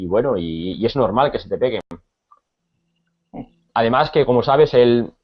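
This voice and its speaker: A man from Spain with a Spanish accent, teaching a conversational Spanish lesson, pausing often with repeated words and fillers. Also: mid-range voice, lo-fi sound.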